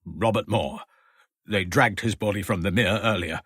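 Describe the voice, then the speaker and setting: A gentle man on the edge of tears, halting and subdued, as a male storyteller voices him. The tone stays low and husky. It is recorded close and dry. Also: dry recording. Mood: shaken.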